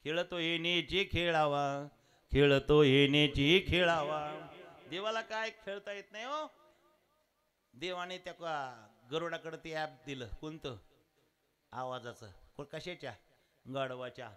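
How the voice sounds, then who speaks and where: A man's voice: on the high side, unhurried. A man with a Marathi accent preaching a devotional kirtan, telling a story and acting out village voices. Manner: animated storyteller, acts out village voices, breaks into sung verses. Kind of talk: devotional sermon storytelling with song. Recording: live outdoor sermon with accompanying music.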